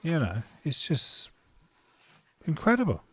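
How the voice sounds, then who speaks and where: A man's voice: on the high side, huge pitch swings, takes it slowly, slightly rough, no room sound. A middle-aged man, talking casually and frankly as he works on a car in an indoor garage, thinking aloud with fillers. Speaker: home mechanic. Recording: faint noise and tool clicks.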